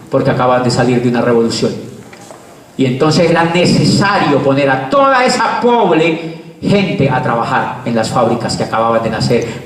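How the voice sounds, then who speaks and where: Colombian lecturer, middle-aged man, emphatic and repetitive, slightly high voice, distant mic in a reverberant room with faint noise. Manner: emphatic, rhetorical questions and repetition. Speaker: speaker. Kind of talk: live lecture. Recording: echoey room, mic far off.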